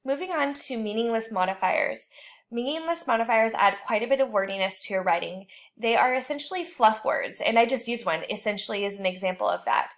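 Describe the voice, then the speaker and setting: A woman instructor giving a recorded online writing lecture, explaining rules clearly with the odd light joke. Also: fairly high pitch, a little fast.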